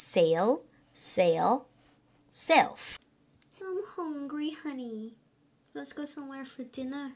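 A woman teaching an online English lesson. She explains in a chatty, friendly way with soft, polite sentence endings, and repeats each English phrase several times. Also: mid-range voice.

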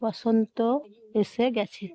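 A Bengali woman vlogger with a hoarse voice from a cold, chattily showing viewers around a fair hall. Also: fairly high pitch, flat delivery, slow pace, mellow. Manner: chatty, repeatedly urging viewers to look. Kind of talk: casual walkthrough vlog.

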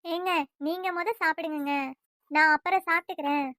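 A woman's voice: very high voice, steady tone, a little fast, no echo, clean studio sound. A woman doing a meek, pleading young wife. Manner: soft, apologetic, deferential. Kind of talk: cartoon voice acting.

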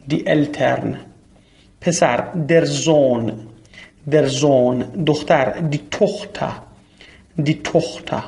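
A man's voice: on the high side, creaky. A man whose first language is Persian, teaching German vocabulary and saying each word twice so students can repeat it. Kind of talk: vocabulary lesson with repetition drills.

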